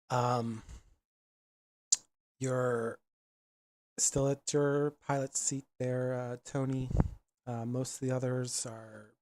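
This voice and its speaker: Male game master, mid-range voice in a dry space, laid-back, halting improvised scene description. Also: medium pitch, darkish tone, no room sound. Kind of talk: casual improvised tabletop game narration.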